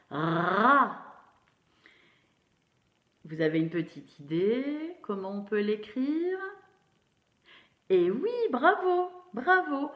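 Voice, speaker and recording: A woman teacher giving a phonics lesson to young children, slowly spelling out syllables and praising them. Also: fairly high pitch. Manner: slow, encouraging, syllable by syllable. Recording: roomy, dull lo-fi sound.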